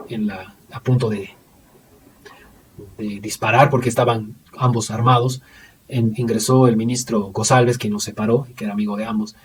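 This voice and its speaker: A man giving a recorded history presentation in an unscripted way, pausing often with fillers and restarting his sentences. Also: lowish voice, far from the mic, a little hiss or hum. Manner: hesitant, many fillers and restarts.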